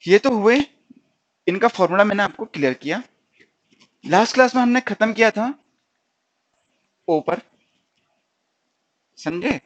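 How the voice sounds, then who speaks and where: A man's voice: high voice, expressive, lo-fi sound. Man drilling vowel sounds in class. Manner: explains slowly and repeats sounds and words for drill; keeps checking the class with "okay?" and "understood?". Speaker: stenography teacher. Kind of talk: classroom lesson.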